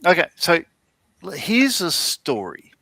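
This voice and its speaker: A middle-aged man with an Australian accent, telling a rambling story in a relaxed, chatty way. His voice is gravelly and bright, recorded very dry and close. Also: on the high side, slow pace, no room sound. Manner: rambling storyteller with many fillers and restarts. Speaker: livestream co-host. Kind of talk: casual chat.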